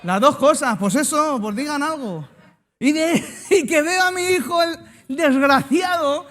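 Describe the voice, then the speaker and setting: A man's voice: very high voice, a little slow, a bit bright. A man from Spain with a Spanish accent, a pastor preaching a sermon and telling a personal story with jokes and banter aimed at the congregation.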